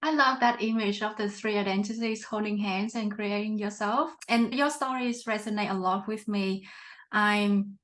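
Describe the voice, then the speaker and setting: A woman's voice: medium pitch, normal speed, fairly bright tone. Reflective woman host from Vietnam. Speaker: podcast host. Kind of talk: interview questions.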